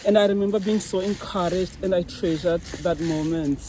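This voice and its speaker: A woman's voice: lowish voice, fairly even intonation, normal speed. Woman vlogging by a fountain, earnest and heartfelt, talking about faith, lots of outdoor noise and water behind her. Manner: earnest, tearful-tinged, faith-filled testimony. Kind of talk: emotional personal monologue. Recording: noisy outdoor recording with water nearby.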